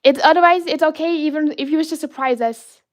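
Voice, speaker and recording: While she draws on a livestream, this woman chats playfully and childishly, welcoming viewers and frequently starting sentences over. She speaks at a quick pace in a high voice.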